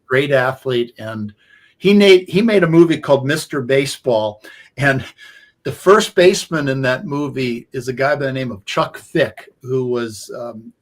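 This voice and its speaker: Guy co-host on sports radio, mid-pitch, rambles through stories and fades out. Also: a little slow. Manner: rambling anecdotes, trails off. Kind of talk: radio talk, storytelling.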